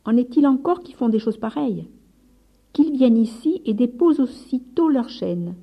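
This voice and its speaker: A woman's voice: on the high side, animated, moderate pace, gravelly, breathy edge, muffled recording, voice pushed up, full character voice. A woman doing an earnest, fervent friar. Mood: earnest, stern. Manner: earnest, rising with emphatic urgency. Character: fervent gentle male friar leader.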